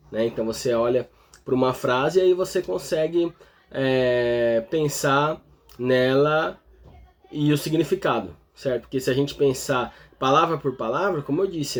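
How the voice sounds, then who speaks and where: A man from Brazil with a Brazilian Portuguese accent, teaching an English grammar lesson step by step and often checking in with the viewer. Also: mid-range voice. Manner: explains step by step, constantly checking in with the listener. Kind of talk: explanatory online lesson.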